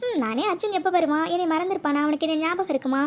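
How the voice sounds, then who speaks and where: A woman's voice: very high-pitched, fast. A woman voicing a young woman in a cartoon serial who daydreams about a lover and stammers when caught out. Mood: teasing. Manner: flustered, stammering, talks to herself.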